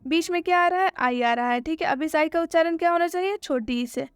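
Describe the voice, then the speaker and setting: A woman's voice: very high-pitched, a little fast, dry recording, clean studio sound. A woman teaching English pronunciation in an online lesson, explaining step by step and answering her own repeated questions.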